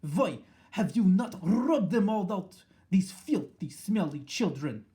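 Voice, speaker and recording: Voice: mid-range voice, big pitch swings, dark tone, voice pushed up. A reader voicing a furious, tyrannical witch leader who screams and rants at her followers in an audiobook. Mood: ranting. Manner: shrieking, ranting, drawn-out words. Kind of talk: audiobook reading.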